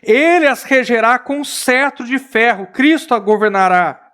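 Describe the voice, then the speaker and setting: A man from Brazil preaching an expository sermon as a pastor, acting out the lines he quotes with big rises and shouts, then dropping to slow, quiet emphasis. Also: animated, clear, resonant tone. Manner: dramatic, acts out quoted voices with rising pitch and shouts; drops to quiet, slow emphasis at key points. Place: church.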